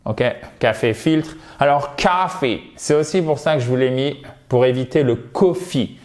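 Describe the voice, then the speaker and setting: A French-speaking man giving a video English lesson, repeating words slowly and checking with "ok?" often. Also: mid-range voice, fairly even intonation, a little mellow. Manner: repeats words slowly to drill them, frequent "ok?". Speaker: English teacher. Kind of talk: video lesson, explaining and modelling pronunciation.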